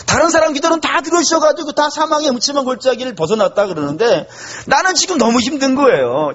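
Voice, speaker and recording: Animated high-voiced preaching pastor. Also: male voice, husky, highs cut off. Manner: animated preaching with questions to the congregation. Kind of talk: sermon. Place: church.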